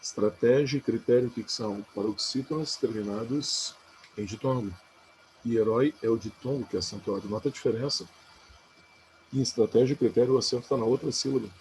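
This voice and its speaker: A man's voice: medium pitch, fairly quick, darkish tone, slight background noise, rough recording. A man teaching a recorded exam-prep lesson, casually talking through each answer and checking in with his students. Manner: casual, talks through answers aloud with frequent "né?" and "beleza?".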